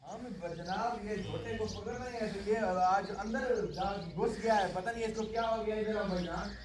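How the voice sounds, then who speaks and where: High-voiced man coaxing an animal outdoors. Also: normal speed. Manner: coaxing an animal with repeated calls. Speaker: vlogger. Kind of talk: casual outdoor vlog. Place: outdoors on a farm. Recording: distant mic with loud outdoor noise.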